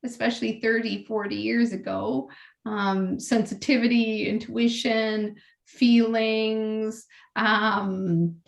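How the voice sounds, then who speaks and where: A woman's voice: a little high, fairly even intonation, slow pace, vocal fry. A woman guest speaking earnestly in a casual interview, often repeating words as she restarts her thoughts. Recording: roomy echo.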